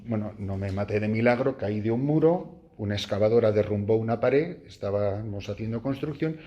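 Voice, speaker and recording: A middle-aged priest from Spain, speaking with a Spanish accent, gives a retreat meditation to a group of nuns and tells a story with lively, playful animation. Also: male voice, muffled recording. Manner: animated storyteller, jumps high acting out his own cries and laughs. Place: room with a small group of nuns.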